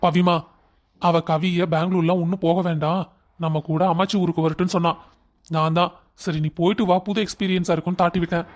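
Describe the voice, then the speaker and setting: Calm cartoon dad, middle-aged, gently explaining, mid-pitched, voiced by a performer. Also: a little fast, lightly acted. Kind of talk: cartoon drama voice acting.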